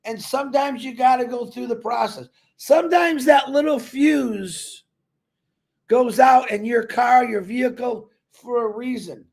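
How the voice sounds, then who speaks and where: A man giving a loud, emphatic motivational talk to company members, telling folksy stories and repeating himself. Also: very high-pitched, a little slow, vocal fry. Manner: loud and emphatic, calls himself a big mouth; repetitive, folksy storytelling. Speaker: company promoter speaking to members.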